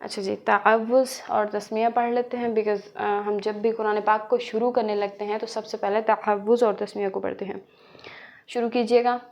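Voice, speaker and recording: A woman's voice: mid-range voice, level tone, moderate pace, vocal fry, a little mellow. A woman teaching a recorded tajweed lesson, patient, repeating key points and answering her own questions. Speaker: Quran teacher.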